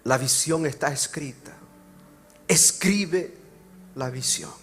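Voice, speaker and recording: A male pastor preaching a sermon, moving between loud emphatic passages and quiet, slow explanation. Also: fairly high pitch, slight background noise. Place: church service.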